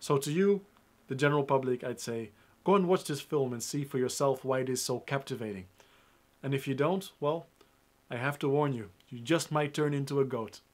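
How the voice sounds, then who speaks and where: A man's voice: medium pitch, fairly quick, darkish tone. Young male web presenter, emphatic and upbeat, close mic. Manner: upbeat, emphatic, addresses viewers directly. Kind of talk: scripted film review to camera.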